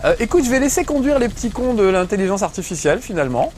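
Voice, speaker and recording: A man's voice: sits high, very animated, very fast, darkish tone, slight background noise. A middle-aged man giving joking, chatty commentary while playing a video game, swearing casually. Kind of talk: gameplay commentary.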